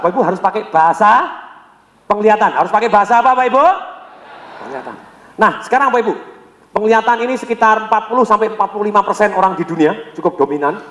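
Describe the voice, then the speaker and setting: Man from Indonesia, high voice, lively seminar trainer who quizzes the room, recorded with hall reverb. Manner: energetic, repeats key words and quizzes the audience. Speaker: sales trainer. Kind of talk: seminar lecture to a live audience.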